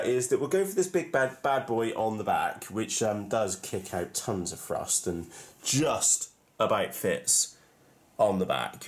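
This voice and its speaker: A man's voice: lowish voice, a little mellow. A man hosting a hobby vlog, talking casually in a chatty, jokey and self-mocking way. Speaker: hobby channel host. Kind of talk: casual enthusiast vlog to camera.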